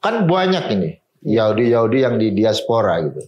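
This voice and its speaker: A man's voice: on the low side, sing-song, moderate pace, echoey room, highs cut off. A man speaking as a guest in an interview, explaining at length and mixing in Hebrew and English terms.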